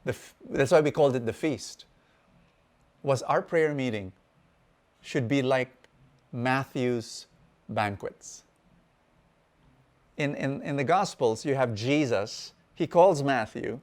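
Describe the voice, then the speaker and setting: A middle-aged man preaches in an animated storytelling way. His voice sits mid-range, and he stumbles over and repeats words as he builds the story. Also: medium pitch. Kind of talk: storytelling sermon talk.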